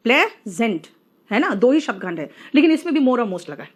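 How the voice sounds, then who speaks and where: Woman teacher explaining grammar, high voice that jumps around a lot, coaxing and drawn out. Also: sing-song, moderate pace. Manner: coaxing, calls students "beta", drags out example words. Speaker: English teacher. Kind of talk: classroom grammar lesson.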